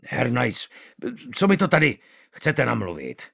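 A man's voice: medium pitch, wildly swooping pitch, creaky, fairly bright tone, husky, heavily acted. A man voicing a blustering middle-aged town official who pleads for help. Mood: pleading. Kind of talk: audiobook character voice.

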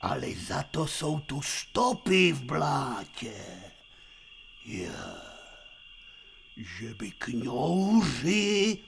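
An eager know-it-all kid. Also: male voice, fairly high pitch, very animated, gravelly, slight background noise. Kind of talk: puppet radio play acting.

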